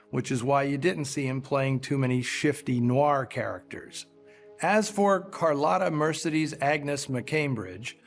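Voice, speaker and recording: A man hosting a film program, delivering scripted commentary in a measured, articulate storytelling way. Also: mid-range voice. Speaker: film show host.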